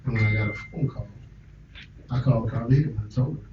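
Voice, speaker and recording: A man's voice: on the low side, quick pace. Earnest man recalling hard times, distant and roomy. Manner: earnest and reflective, drops to a quiet tone. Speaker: author and minister, interview guest. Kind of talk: candid interview storytelling. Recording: roomy, distant, dull lo-fi with faint noise.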